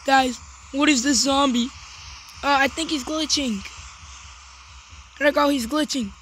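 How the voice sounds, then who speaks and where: A woman's voice: sits high, unhurried, fairly bright tone, slight background noise, rough recording. A woman hosting a gaming video, giving let's play commentary and yelping in panic during fights. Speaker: gaming channel host.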